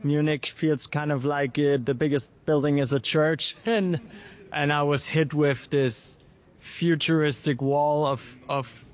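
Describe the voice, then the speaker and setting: Man, monotone voice, halting, keen, interview answers. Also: on the high side. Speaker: filmmaker.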